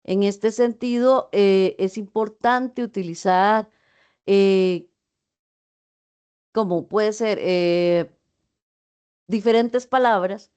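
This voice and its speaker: A woman's voice: medium pitch, drawn-out words, long pauses, mellow, clean tone. Female lecturer, online class, explanatory delivery with hesitant fillers and self-corrections. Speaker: university teacher.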